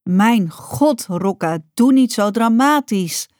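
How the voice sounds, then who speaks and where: A woman voicing a stern mother in a storybook reading, speaking firmly and with a sharp tone. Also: on the high side, expressive, moderate pace, no echo, clean studio sound, pitched above the performer's own voice, lightly acted. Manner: firm, sharp-toned.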